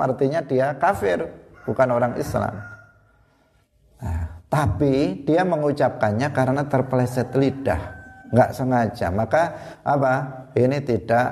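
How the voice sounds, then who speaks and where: A man's voice: medium pitch, a little slow, gravelly, darkish tone, slight background noise. A man giving an Islamic study lesson, explaining step by step with examples and rhetorical questions. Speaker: religious teacher.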